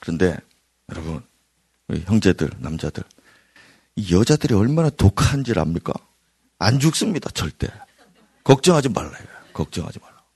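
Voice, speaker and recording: A man preaching at an evening prayer meeting, his pitch rising and falling with lively energy. He shifts from loud emphatic lines to hushed near-whispers. The recording is dry and close, with little room sound. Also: normal speed, pauses often, slightly rough, no room sound. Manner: animated preaching, swinging between loud bursts and near-whispers. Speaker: pastor. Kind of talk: sermon. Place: church hall.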